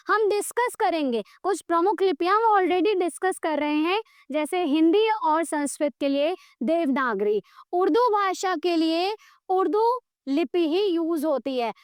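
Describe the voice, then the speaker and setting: A woman teacher giving a grammar lesson, explaining slowly and mixing English words into her speech, often checking whether students follow. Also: very high-pitched, a bit bright, no echo, clean studio sound. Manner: mixes English words into Hindi.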